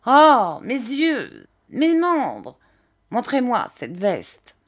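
A woman's voice: fairly high pitch, huge pitch swings, extremely slow, pitched above the performer's own voice, heavily acted. A woman shrieking as a mad old junk dealer. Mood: ferocious. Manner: shrieking, wailing sing-song cries. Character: mad old male rag dealer, ferocious, drunken.

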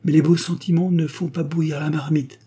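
Man doing a calculating young actress, coaxing, caressing, raised pitch, mellow husky tone, storybook reading. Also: flat delivery, fairly quick.

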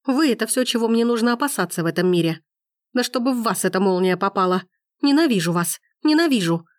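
A woman's voice: mid-range voice, animated, brisk, no echo, clean studio sound, natural voice. A woman reading an audiobook, voicing an enraged young woman who hurls angry accusations. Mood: furious. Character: furious young woman in period romance.

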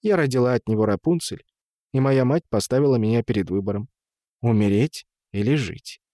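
Male reader doing old witch, scornful, all-knowing, creaky and sly, dry read. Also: medium pitch, fairly quick, no room sound, natural voice. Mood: somber. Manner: creaking, mocking, calm.

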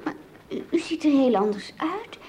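Lady doing a sweet innocent little girl in a fairytale play, singsongy, soft mellow voice, bit of background noise. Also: high voice, very animated, moderate pace. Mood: wondering. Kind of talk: fairy tale radio play acting.

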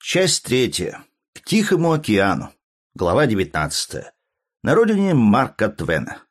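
A man reading a travel story aloud as narrator, in a measured, lightly dramatic way. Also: mid-range voice, wildly swooping pitch. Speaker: audiobook reader. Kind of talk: scripted narration.

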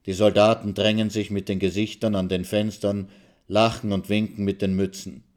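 Low calm guy reading a short story, steady and measured. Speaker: reader of a short story on radio. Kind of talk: literary reading.

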